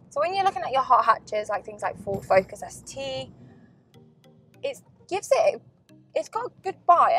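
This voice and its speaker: A woman's voice: fairly high pitch, fairly bright tone, rough recording. A woman, chatting enthusiastically through a car review while driving.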